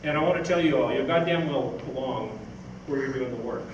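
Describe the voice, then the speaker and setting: Recorded from far away by a camera microphone, this hall sounds echoey, noisy, and muffled. On stage, an older science fiction writer answers the audience's questions in a loose, rambling way full of anecdotes, his mid-range voice moving a little fast.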